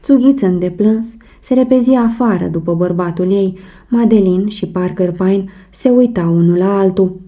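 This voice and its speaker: Woman narrating an audiobook in a dark, mellow voice. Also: mid-range voice. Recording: muffled audiobook recording.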